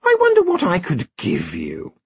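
A male narrator voicing a cold, seductive female elf queen in an audiobook, speaking slowly and insinuatingly with a husky voice. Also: high-pitched, huge pitch swings, voice pushed up, exaggerated voice. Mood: menacing. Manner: slow, insinuating and menacing. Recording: slightly dull, muffled recording.

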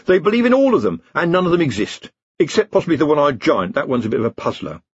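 A male narrator voicing a nervous, wry male wizard in an audiobook, talking in a chatty, evasive way with a husky voice. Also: fairly high pitch, sing-song, fast, dry recording, pitched above the performer's own voice, heavily acted. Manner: chatty, evasive and wryly anxious. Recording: slightly dull, muffled recording.

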